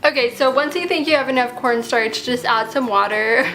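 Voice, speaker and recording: A woman's voice: fairly high pitch, normal speed, fairly bright tone, low-quality recording. An eighteen-year-old woman talking with braces and a slight lisp, chatting casually as she hosts a craft tutorial. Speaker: host of a slime craft channel.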